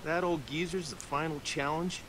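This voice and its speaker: A man's voice: fairly high pitch, fairly even intonation, normal speed, background noise, natural voice. Cocky Cage, played by a man. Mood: flippant. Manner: brash, flippant. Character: cocky, wisecracking young male movie-star fighter. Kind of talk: video game cutscene acting. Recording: game audio under loud music.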